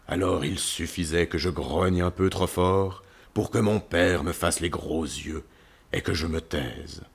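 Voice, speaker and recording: A man's voice: sits low, creaky, husky, full character voice. A man voicing a grumpy, lonely male lion, the king of the animals, who talks in a sulky, growling way in a children's story.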